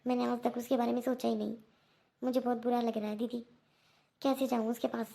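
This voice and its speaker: A woman's voice: fairly high pitch, little pitch movement, a little fast, creaky, dark tone. Woman voicing a remorseful, kindly mother-in-law. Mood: worried. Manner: soothing, reassuring, repeats herself. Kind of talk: Hindi cartoon voice acting.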